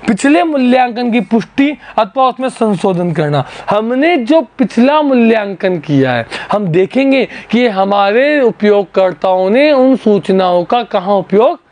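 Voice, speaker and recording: A man's voice: sits high, expressive, unhurried, hardly any pauses, darkish tone. A man teaching accounting to school students, explaining each term step by step and repeating key words. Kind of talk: classroom lecture. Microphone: recorded lecture for an education channel.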